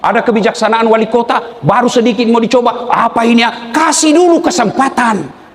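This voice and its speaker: A man with a Makassar Indonesian accent preaching a humorous sermon to a live crowd, joking and shouting questions for the audience to answer. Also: very high-pitched, fairly quick. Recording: echoey hall, long reverb.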